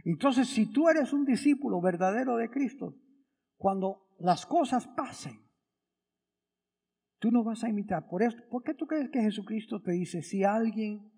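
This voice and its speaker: Male priest, high voice, conversational homily, rhetorical questions, long church reverb. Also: animated, normal speed, creaky, dark tone. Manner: conversational, asks the congregation many rhetorical questions. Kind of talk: homily at Sunday Mass. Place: church during Mass.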